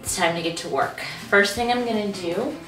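A woman's voice: medium pitch, normal speed, rough recording. A woman in her thirties hosting a casual room makeover vlog, chatting and explaining things step by step. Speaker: host and room designer. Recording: background music under the voice. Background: music.

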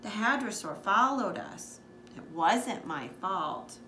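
Slow and mid-range, a woman's voice brings a children's picture book to life as she reads expressively, the way a school librarian would, with asides for listeners. The living room where she sits on the couch sounds echoey, with background noise.

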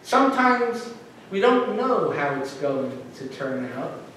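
Middle-aged male minister, light high voice, preaching earnestly with pauses; echoey hall, mic at a distance. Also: very animated, a bit bright, a little hiss or hum. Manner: earnest, conversational preaching with pauses and slow emphasis. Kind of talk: sermon. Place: church sanctuary.

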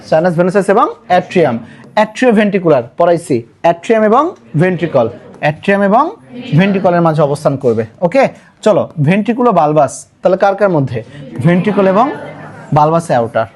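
A man with a Bangladeshi Bengali accent teaching biology in a call-and-response lesson, firing repeated questions and urging students to answer louder, with English words mixed in. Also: high voice, lively intonation, quick pace. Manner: mixes English words into the explanation.

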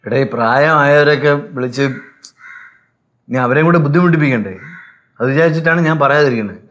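A man playing a brisk, firm uncle. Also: on the high side, fairly bright tone, highs cut off, natural voice. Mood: reassuring. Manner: scolding, reasoning. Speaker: maternal uncle. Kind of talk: sitcom acting.

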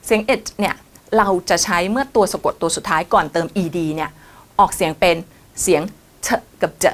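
A woman teaching English pronunciation, drilling sounds slowly and repeating them for her students. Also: medium pitch, a bit bright. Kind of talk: classroom pronunciation lesson.

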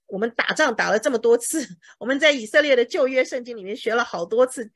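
A woman teacher with a lively, swooping voice, a little high for a woman. She patiently explains pronunciation and repeats words slowly, syllable by syllable, for her class. The sound is dry and close. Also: dry recording. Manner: explains patiently with homely comparisons. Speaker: English teacher. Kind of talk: language lesson.

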